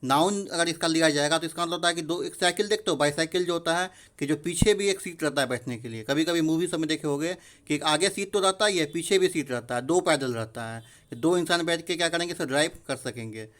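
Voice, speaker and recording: A man explaining English vocabulary in Hindi, reading the English definitions out slowly. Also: on the high side, fairly bright tone. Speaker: vocabulary teacher. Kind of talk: explaining word meanings in a recorded lesson.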